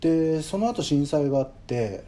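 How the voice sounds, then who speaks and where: A man talking as a guest musician in an interview, thoughtful and measured, with frequent hedging fillers. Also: a little high, animated, warm tone. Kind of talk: reflective conversational interview.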